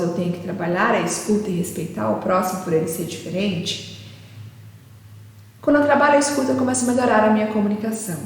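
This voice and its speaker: A woman with a Brazilian Portuguese accent teaching caregivers in a didactic way, often checking in with her listeners through rhetorical questions. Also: fairly high pitch. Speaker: caregiving educator. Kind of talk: lecture to caregivers. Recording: echoey hall with long reverb.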